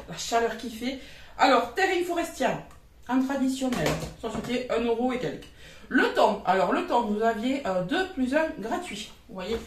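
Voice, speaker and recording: A woman's voice: fairly high pitch, recorded from a distance, background noise. A chatty woman in her thirties with a southern French accent, casually showing her grocery haul with frank, colloquial talk. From southern France. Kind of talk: casual chat. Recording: roomy echo, voice from off the mic.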